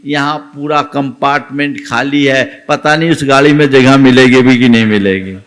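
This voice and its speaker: A man's voice: mid-range voice, steady tone, moderate pace, a bit bright, close to an everyday voice. A man voicing a tearful young man who complains plaintively, in a sermon story. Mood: fretful. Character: weepy young man, helpless and fretful.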